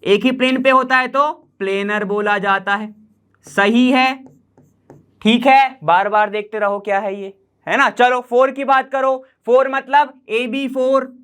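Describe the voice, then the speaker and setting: Drawing on a board during an online chemistry lecture, a man explains in a relaxed, talkative way, frequently asking if students follow and slowly repeating important terms. His voice is very high, steady, smooth and a bit bright.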